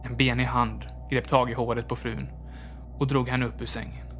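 A man narrating a ghost story aloud at a measured, deliberate pace. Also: mid-range voice, little pitch movement, fairly bright tone, a little hiss or hum.

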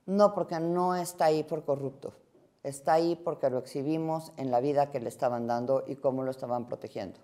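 Woman interviewee, warm mellow tone, animated storyteller. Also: rumbling low, a little fast. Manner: lively, acts out quoted dialogue.

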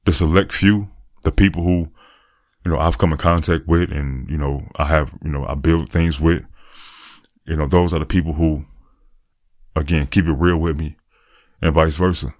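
Very deep-voiced man, earnest and reflective. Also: steady tone, moderate pace, pauses often, darkish tone, dry recording, studio quality. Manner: earnest, repeats phrases for emphasis. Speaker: podcaster and aspiring motivational speaker. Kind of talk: reflective casual monologue.

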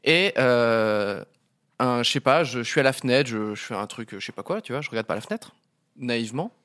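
A man's voice: mid-range voice, expressive, fairly quick, fairly bright tone. A young man co-hosting a live stream, telling a story with hesitations and some teasing. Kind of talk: casual chat, telling anecdotes.

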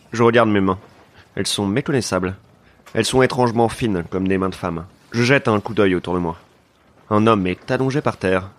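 A man narrating a comic detective story in a deadpan, mock-serious way. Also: lowish voice. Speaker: narrator and lead of a comedy podcast. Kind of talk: scripted comedic detective narration.

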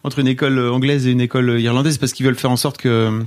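A man talks casually as a podcast co-host, his voice sitting at an ordinary middle pitch. He is enthusiastic but halting, stacking fillers and restarting his sentences as he goes. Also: level tone, a little mellow. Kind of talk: casual chat.

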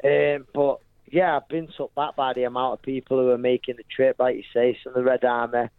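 Over a thin, narrow phone line comes a dry, mid-pitched man with a Manchester accent. He talks informally and matily, as a boxer being interviewed on radio. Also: level tone, a little fast, clean tone, no echo. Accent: Manchester, English. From Manchester, England. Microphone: phone call.

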